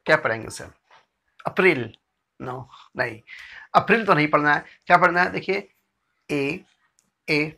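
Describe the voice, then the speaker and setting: Slow, bright-voiced pronunciation teacher. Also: male voice, a little high, creaky. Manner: repeats words slowly, syllable by syllable. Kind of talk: slow, drilled pronunciation lesson.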